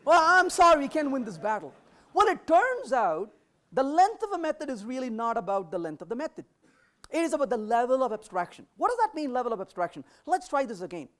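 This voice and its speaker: A woman's voice: on the high side, very animated, brisk. A woman giving a conference talk to developers, questioning the audience and acting out short dialogues. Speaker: conference speaker.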